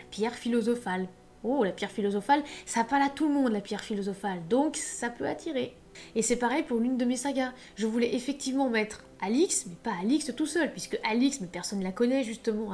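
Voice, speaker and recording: A chatty woman gives writing advice in a loose, animated way, peppering her talk with little fillers and asides. Her voice sits a bit high for a woman. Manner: chatty, animated, many fillers like hein and bah. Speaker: author giving writing advice. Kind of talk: casual advice video.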